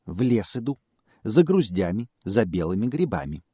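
A man's voice: fairly low pitch, big pitch swings, moderate pace, mellow, slightly rough, no echo, studio quality. A man voices a prickly little hedgehog from a storybook. He hisses his lines with indignant grumbling. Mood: grumpy. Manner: hissing, indignant. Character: prickly grumpy male hedgehog.

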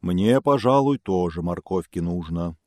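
A man voicing a big, clumsy, greedy male bear who talks gruffly and slowly. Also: lively intonation, a little mellow, dry recording, clean studio sound. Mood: friendly. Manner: booming and slow, gruff.

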